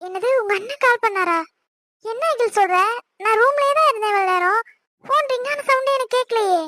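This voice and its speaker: A woman playing a soft-spoken young wife in a cartoon, apologetic and a little bewildered. Her voice is high and runs quick. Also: no room sound, clean studio sound. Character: gentle young Tamil wife, sister-in-law. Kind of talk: cartoon voice acting.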